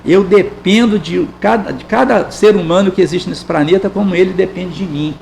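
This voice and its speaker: A man's voice: sits high, moderate pace, vocal fry, a little mellow, a little hiss or hum, rough recording. A man with a Brazilian accent giving a public talk at a spiritist center, conversational and full of rhetorical questions. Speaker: spiritist lecturer.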